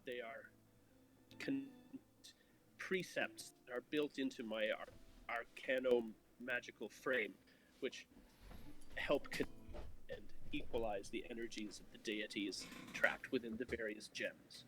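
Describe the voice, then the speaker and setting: A man's voice: medium pitch, fairly bright tone, poor audio. A man voicing an arcane male being in a tabletop game, his voice clipping in and out over voice chat so words get cut off. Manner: halting, words chopped off mid-phrase. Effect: voice clipping in and out, cutting off words. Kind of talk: in-character roleplay over voice chat.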